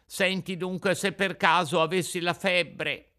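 A shrill, whining wooden puppet boy, voiced by a man in a storybook reading, pitched far above an ordinary man's voice and loud with despair. His tone is bright and sharp, and he pleads and cries out over his troubles. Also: steady tone, a little slow. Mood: frightened.

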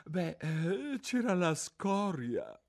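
A man reading an audiobook, voicing a mournful, sighing old Mock Turtle in a slow, plaintive, wavering way. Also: high voice, sing-song, darkish tone, pitched above the performer's own voice, full character voice. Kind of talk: audiobook character voice.

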